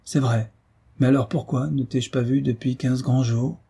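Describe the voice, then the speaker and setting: A man's voice: mid-range voice, fairly even intonation, moderate pace, creaky, warm tone, husky, voice pushed up. A man voicing a rich, spirited young nobleman, ironic and full of exclamations, in a read-aloud historical novel. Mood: ironic, lively.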